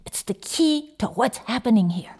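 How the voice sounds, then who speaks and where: A woman's voice: fairly high pitch, lively intonation, normal speed, a little mellow, long reverb tail. A woman voicing a small, eager girl who wants to act, chirpy and rambling.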